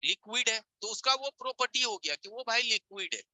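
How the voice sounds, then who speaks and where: A man's voice: very high voice, lively intonation, fairly quick, sharp tone, no echo, rough recording. A man teaching a live online repair class, explaining with everyday examples and rhetorical check-in questions over a screen share. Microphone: voice-over on a screen-share stream.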